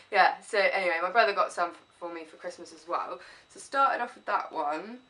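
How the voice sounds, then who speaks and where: At a moderate pace and with a sharp tone, a fairly low-voiced English woman chats through a casual haul video at home, congested and sniffling from a cold. Enthusiastic and self-deprecating, she rambles on, positioned a bit far from the mic.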